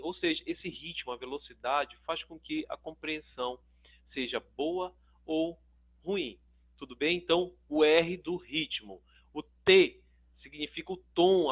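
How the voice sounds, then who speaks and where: A man with a Brazilian Portuguese accent gives an instructional video lecture as a public speaking coach. He talks in an animated way, swinging his pitch and loudness to demonstrate, and keeps checking in with the viewer. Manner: asks the viewer "tudo bem?" often.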